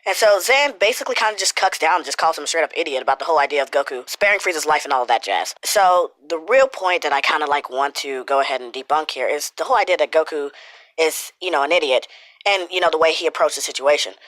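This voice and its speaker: A YouTuber with a cold and stuffy nose rambles through casual commentary, swearing a lot and using many filler words. His voice is a little high and fairly bright, he's animated and quick, and the recording is dry.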